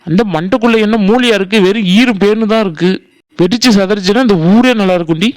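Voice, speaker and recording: A man voicing a sharp-tongued village woman in a cartoon, scolding and insulting her friends. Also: high voice, fast, lightly acted. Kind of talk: cartoon voice acting.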